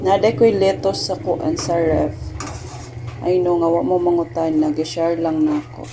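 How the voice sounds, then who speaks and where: A woman's voice: fairly even intonation, unhurried, noisy background. A woman chatting casually through a home cooking vlog, mixing in English words. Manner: chatty, mixing Cebuano and English, soothing a crying baby in high sing-song. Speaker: vlogger.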